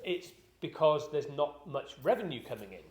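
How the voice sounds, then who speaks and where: A man's voice: a little high, very animated, normal speed, a little mellow. A man talks business casually, his slightly raised voice wandering through fillers and restarts. The room adds a noticeable echo around him. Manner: rambling, conversational, many fillers and restarts. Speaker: business podcast host. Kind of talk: casual explanatory chat.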